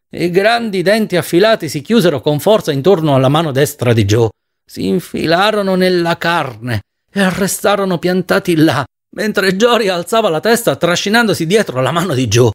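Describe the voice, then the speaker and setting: A man reads a novel aloud as an audiobook narrator, with a dramatic, expressive delivery. His voice sits somewhat high for a man and swings widely in pitch. The narration is steady, scripted storytelling. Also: moderate pace.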